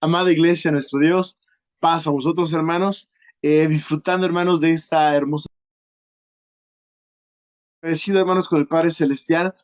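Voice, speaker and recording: A man delivering an earnest church sermon in a slightly raised voice. He turns to the congregation after almost every phrase, with filler sounds and hesitant pauses between his thoughts. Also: on the high side, fairly even intonation. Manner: peppers nearly every phrase with a direct address to the congregation. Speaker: guest preacher.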